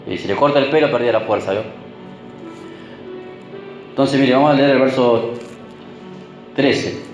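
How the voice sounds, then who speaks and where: A man's voice: mid-range voice, moderate pace, dull audio, faint music behind. Guy preaching, roomy church echo, faint instrument playing underneath, keeps asking the crowd if they follow. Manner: keeps checking in with the congregation through tag questions; repeats words for emphasis. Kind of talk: sermon.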